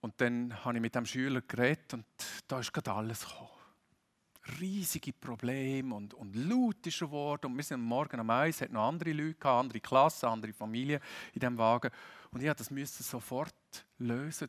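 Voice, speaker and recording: Man, Swiss German accent, middle-aged, sermon, earnest, emphatic then soft, mid pitch. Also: a little fast. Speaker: preacher.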